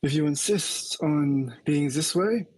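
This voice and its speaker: A man's voice: on the high side, takes it slowly, background noise. A man playing a haughty, exasperated lieutenant in a tabletop game, condescending and mock-polite as he makes cool threats. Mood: exasperated, quietly threatening.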